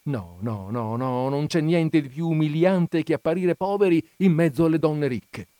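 A man's voice: medium pitch, animated, moderate pace, warm tone, dry recording, natural voice. A man voicing a young wife who is anxious, hesitant and longing for luxury, in a read-aloud story. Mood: plaintive.

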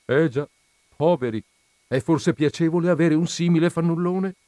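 A man's voice: fairly high pitch, moderate pace, warm tone, no echo, clean studio sound, lightly acted. A man doing a fretful, deferential landlord. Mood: plaintive. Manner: plaintive, complaining, deferential. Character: harried, deferential landlord, middle-aged man.

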